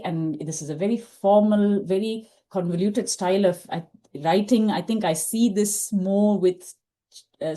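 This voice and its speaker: Speaking warmly in a mid-range voice, this podcast guest from India, a middle-aged native Tamil speaker, recounts her own career path. She is reflective, often pausing on fillers and starting over.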